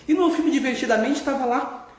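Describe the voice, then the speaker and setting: A man's voice: very high-pitched, brisk. Candid Gaúcho man talking in an echoey room. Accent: Gaúcho Brazilian Portuguese. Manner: candid, expressive, swears freely, laughs while talking. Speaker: therapist. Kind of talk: casual vlog talk.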